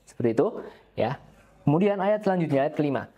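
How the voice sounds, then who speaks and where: A man teaching careful recitation, slowly drawing out each verse before explaining it briskly, tagging "ya" onto nearly every phrase and clearing his throat now and then. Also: a little high, animated, mellow. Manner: adds "ya" as a tag after nearly every phrase. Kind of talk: tajwid lesson with slow demonstration recitation.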